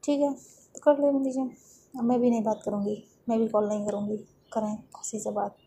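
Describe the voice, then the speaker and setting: A woman's voice: on the high side, moderate pace, warm tone, natural voice. A woman voicing a sleepy, sulky teenage schoolgirl who drags her words and pleads. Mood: annoyed. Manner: drowsy, pleading, later huffy. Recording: noisy background hiss.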